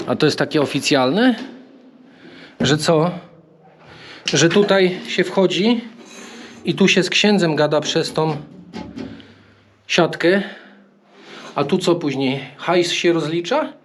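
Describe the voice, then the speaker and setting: A man's voice: on the high side, slow pace, long pauses, a little hiss or hum. A young man casually vlogging a pilgrimage walk, chatting and joking with viewers as he wanders outdoors and through a small church. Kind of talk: casual vlog talk to camera.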